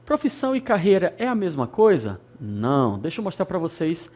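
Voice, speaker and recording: With a darkish, medium-pitched voice whose pitch swoops wildly, this Brazilian English teacher with an Amazonas accent moves at a fairly quick pace. Her studio-recorded lesson repeats key words and checks in with "ok?".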